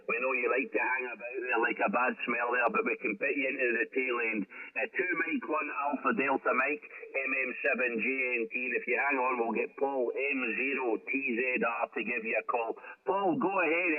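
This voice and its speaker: A Scottish man running an amateur radio net with casual, matey banter over a radio transmission. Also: medium pitch. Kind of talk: casual ham radio chat. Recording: tinny narrowband radio with background chatter.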